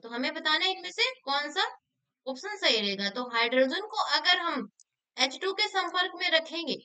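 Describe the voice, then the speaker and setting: High, bright-voiced woman teacher. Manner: asks questions then answers them herself; repeats key answers for emphasis. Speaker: exam-prep teacher. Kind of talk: explaining solved exam questions.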